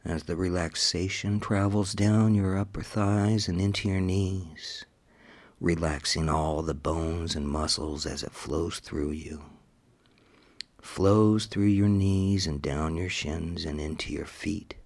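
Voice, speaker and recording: A man narrating a scripted hypnotic induction, slow and repetitive, giving commands and dropping into soft whispers. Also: low-pitched, steady tone, gravelly.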